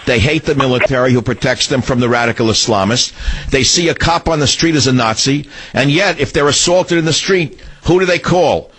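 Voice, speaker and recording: A man's voice: medium pitch, a little fast, a bit bright, slightly rough. A man hosting a political talk radio show, ranting in combative, sneering bursts from a radio studio.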